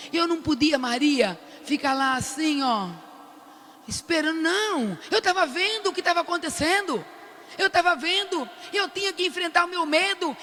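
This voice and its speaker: An older woman with a Brazilian accent giving an animated testimony at a prayer meeting, acting out the lines she quotes. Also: very high voice, big-room sound, a little hiss or hum. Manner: animated storyteller who loudly acts out the quoted lines. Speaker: prayer group speaker. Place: large cathedral.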